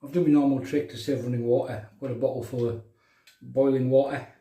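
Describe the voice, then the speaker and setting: A man's voice: medium pitch, flat delivery, brisk, warm tone. A middle-aged man with a County Durham accent chatting casually to live viewers in a matey, bantering way while demonstrating in a bathroom. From County Durham, England. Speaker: livestream host of a shaving show. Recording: roomy bathroom echo, distant microphone.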